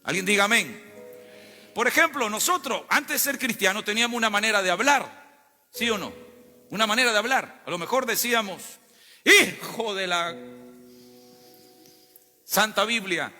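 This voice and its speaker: A man preaches in a very high, piercingly bright voice, drawing the congregation in with questions and calls to answer. His voice rings through the long reverb of a church hall, with faint music underneath. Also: expressive, a little fast. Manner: call-and-response preaching to congregation. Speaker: pastor. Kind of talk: sermon. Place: church sanctuary.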